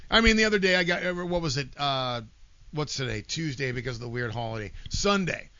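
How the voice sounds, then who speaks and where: A man's voice: mid-range voice, lively intonation, fairly quick, bright, forceful tone. A middle-aged American man chatting casually as a podcast guest in a living room, a blunt, rambling and profane storyteller. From Portland, United States. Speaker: podcast guest, former TV personality. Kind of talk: casual chat with anecdotes. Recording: slightly dull, lo-fi podcast sound.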